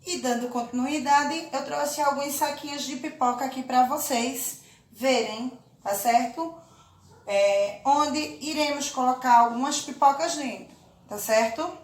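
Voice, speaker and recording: This patient woman teacher has a high voice and a Brazilian Portuguese accent, heard in an echoey room. She gives a children's lesson on clapping out syllables, speaking slowly and stretching them out while asking check-in questions.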